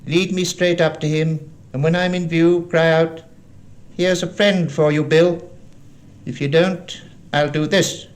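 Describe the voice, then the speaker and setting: A man's voice: on the high side, steady tone, a little slow, pitched above the performer's own voice, natural voice. A man voicing a cruel, menacing blind old beggar from a storybook, with a sing-song, sneering manner. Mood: cruel, commanding. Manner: sing-song, wheedling, turning to cold sneering commands. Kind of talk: storybook character voice.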